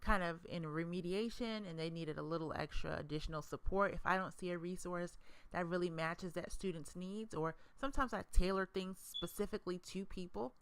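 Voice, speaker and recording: A woman hosting a mastermind program, who pitches it with enthusiasm, stacks up emphatic adjectives and speaks straight to the listener. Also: a little fast, smooth. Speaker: educator and mastermind host. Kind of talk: promotional presentation.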